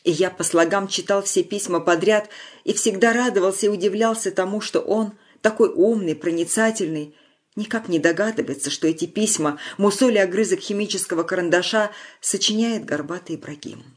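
Narrator: mid-pitched, measured storytelling, reads a war-era tale. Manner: measured storytelling, slowing on solemn lines. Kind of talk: scripted narration.

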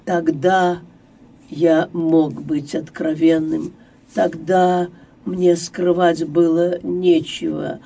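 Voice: medium pitch, little pitch movement, extremely slow, gravelly, mellow, far from the mic, full character voice. A reader voicing a reserved, stubborn young man who speaks tersely and holds back. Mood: restrained. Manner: terse, restrained. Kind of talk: audiobook character voice.

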